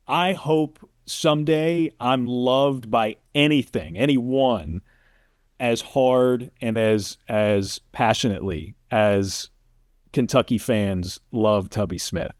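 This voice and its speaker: Telling stories casually as an interview guest, a man who works as a sports announcer frequently checks in with whoever's listening. His medium-pitched voice has a darkish tone, captured in clean studio sound with no echo.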